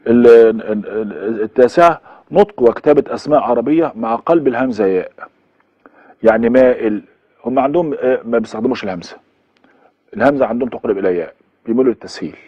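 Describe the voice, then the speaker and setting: A man's voice: medium pitch, fast talker, dark tone, no echo, dull audio. A man with an Egyptian accent giving a recorded university course lecture, listing examples one by one and repeating them, with fillers. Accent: Egyptian Arabic.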